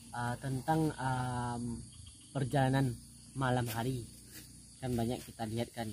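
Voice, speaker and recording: A man hosting an informal outdoor night exploration vlog, talking haltingly as he addresses his viewers as friends. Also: mid-range voice, mellow, poor audio. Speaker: vlog host. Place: outdoors at night in rice fields. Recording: outdoor night recording with insect noise.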